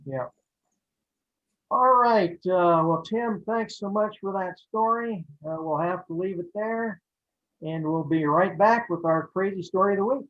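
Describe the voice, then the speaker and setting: A man's voice: high voice, a little slow, muffled recording. A man hosting a casual talk show who laughs easily as he tells stories. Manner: chuckles while telling a story. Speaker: host.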